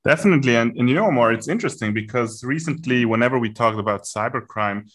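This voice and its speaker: A man with a German accent, a podcast guest explaining things in a steady, casual chat. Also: mid-range voice, fast.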